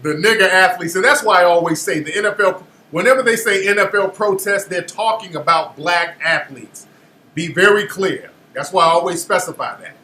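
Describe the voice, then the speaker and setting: A man hosting a show, reacting to a played clip with animated, incredulous commentary. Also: high-pitched, normal speed, roomy sound, slight background noise. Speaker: show host.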